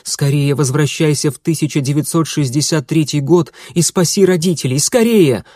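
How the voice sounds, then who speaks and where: A man in an audiobook voicing a frightened young woman who shouts urgent warnings. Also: fairly high pitch, normal speed, dry recording, studio quality, pitched above the performer's own voice, natural voice. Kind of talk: audiobook narration.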